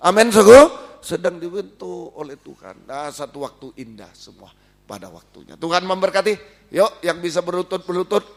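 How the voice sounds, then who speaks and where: A man preaching as pastor, repeating his points and mixing exhortation with playful asides. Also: high-pitched. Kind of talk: sermon. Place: church.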